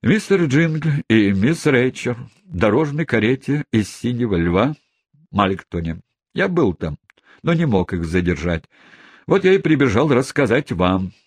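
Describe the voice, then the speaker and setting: A man's voice: medium pitch, big pitch swings, unhurried, no echo, voice pushed up. A male narrator voicing a timid, breathless male servant reporting news.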